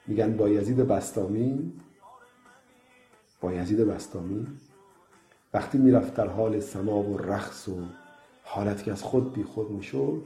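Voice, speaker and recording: A man's voice: fairly low pitch, pauses often, mellow. Earnest man preaching, echoey room. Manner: earnest, exhorting, storytelling. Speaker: preacher addressing young people. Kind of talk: motivational religious sermon. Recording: echoey room with faint music. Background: faint music.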